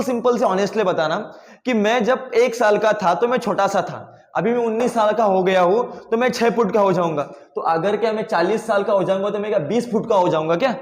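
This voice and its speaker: A young man teaching biology, explaining with everyday examples and asking the class rhetorical questions. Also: high-pitched. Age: young adult. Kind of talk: classroom lesson. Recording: echoey room with long reverb.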